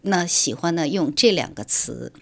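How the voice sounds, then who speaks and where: A woman's voice: sits low, lively intonation, moderate pace, vocal fry, fairly bright tone. A woman writer from Shanghai, guest on a radio interview, explaining her views in an articulate, lecturing way.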